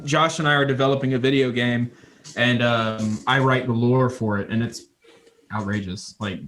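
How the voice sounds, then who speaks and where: A man, hosting a casual podcast chat with quick, laughing asides. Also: mid-range voice, steady tone, a bit bright, slight background noise. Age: 30s. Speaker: podcast host.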